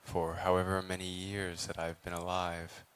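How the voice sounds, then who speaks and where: This meditation teacher, a Buddhist monk, leads a guided session in a smooth, deep voice. His tone stays flat and even, and he speaks like a teacher in measured phrases broken by long pauses.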